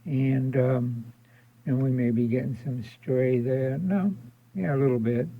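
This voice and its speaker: Steady and unhurried, his mid-range voice guides a casual electronics repair tutorial at an indoor workbench. The instructor thinks aloud and repeats his points, and the sound is thin and band-limited, like a phone.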